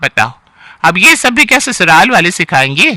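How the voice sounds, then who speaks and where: A nagging elderly aunt-in-law picks at everything with sighing complaints, as a man voices her. The tone is bright and piercing and sits fairly high. The sound is dry and close. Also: sing-song, normal speed, dry recording, heavily acted. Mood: scolding. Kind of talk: storybook character acting.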